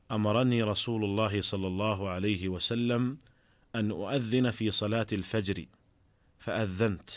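A man, an Islamic scholar, teaching jurisprudence in a formal radio lesson, reading in a measured, deliberate way from a studio microphone. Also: on the low side, no echo.

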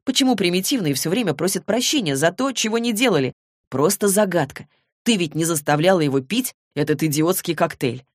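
A woman's voice: fairly low pitch, expressive, fairly quick, no room sound, clean studio sound. A woman voicing a sarcastic young man who mocks and sneers. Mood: mocking. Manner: mocking, sneering.

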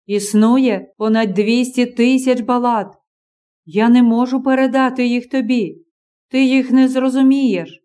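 A woman reading the part of a strange, moody young man in an audiobook, speaking slowly and drawn out. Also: a little high, fairly even intonation, dark tone, close to an everyday voice. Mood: earnest.

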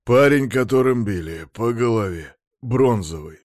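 A man voicing a blunt, hoarse security chief reporting a body by phone. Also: mid-range voice, animated, a little slow, a little mellow, no echo, studio quality, natural voice. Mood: urgent.

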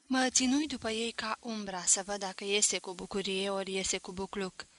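A woman reading a novel aloud in a measured, expressive storytelling manner, close to the microphone. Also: mid-range voice, no echo. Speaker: audiobook reader. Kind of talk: literary reading.

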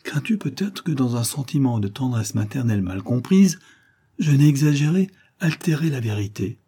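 A man's voice: mid-range voice, expressive, moderate pace, mellow, slightly rough, pitched above the performer's own voice. A man reading as a tender, dignified older mother. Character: devoted aristocratic older mother, tender and solemn.

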